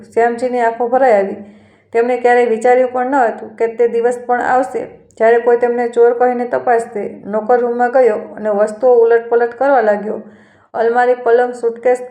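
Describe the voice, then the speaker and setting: A woman narrating a scripted family story in a steady, even way. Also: a little high, roomy sound.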